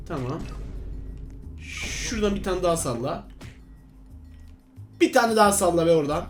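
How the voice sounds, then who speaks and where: A young man hosting a gaming channel, giving excitable live commentary on his play and talking to viewers as friends. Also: high-pitched.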